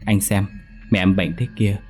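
Male narrator voicing a wronged young village girl turned avenging ghost, deep-voiced, faint music behind. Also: fairly even intonation, normal speed, darkish tone, lightly acted. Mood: timid.

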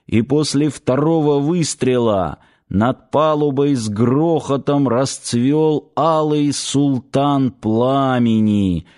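A man narrating an action audiobook in a measured, vivid storytelling manner. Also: medium pitch, darkish tone.

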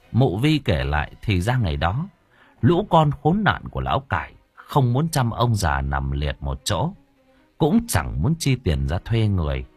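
A man's voice: on the low side, a little mellow, breathy edge, dry recording. A man narrating a first-person story as an audiobook, reading with dramatic expression.

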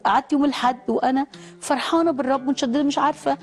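A woman's voice: high-pitched, fairly even intonation, very fast, a little mellow, soft background music. A woman with an Egyptian accent telling a fervent, prayerful personal testimony. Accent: Egyptian Arabic. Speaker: guest giving testimony.

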